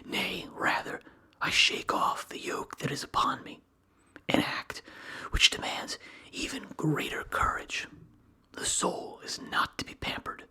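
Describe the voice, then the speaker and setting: Someone reads a philosophical text aloud in a breathy ASMR whisper, in measured, deliberate phrases with short pauses. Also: bright, forceful tone.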